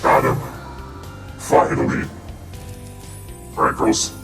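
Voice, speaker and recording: A streamer playing a platform game through a voice changer that makes the voice very deep, joking and mocking their own playing in casual commentary. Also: slow. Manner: goofy and self-mocking. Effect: voice changer pitching the voice very deep. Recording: echoey and distant, game music behind. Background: game music.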